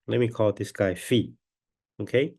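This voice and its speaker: A man lecturing on a mathematical proof step by step, with a stuffy nose from a cold and a halting, deliberate delivery. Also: fairly low pitch, vocal fry, a little mellow, slightly rough.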